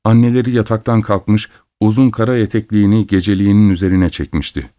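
A man narrating a literary story with a measured, unhurried manner. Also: on the low side, fairly even intonation, warm tone.

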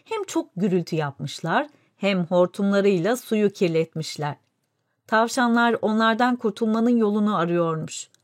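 A woman narrating a folk fable in a clear, even storytelling delivery. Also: medium pitch, normal speed, no echo, clean studio sound. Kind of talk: scripted fairy-tale narration.

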